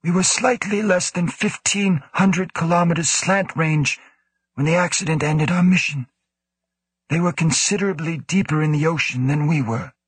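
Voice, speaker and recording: A man voicing a secretive male space station director who talks in a rasping, labored, emphatic way. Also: fairly high pitch, moderate pace, dry recording, voice pushed up. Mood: grave. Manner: sharp, emphatic, lecturing.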